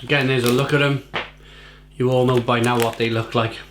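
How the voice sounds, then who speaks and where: A man giving a casual, rambling snack review, munching crisps between phrases and repeating himself for mock-dramatic emphasis. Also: mid-range voice, flat delivery, a little fast. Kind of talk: casual food tasting review to camera. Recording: echoey room, faint noise, packet crinkling. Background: crisp packet crinkling and crunching.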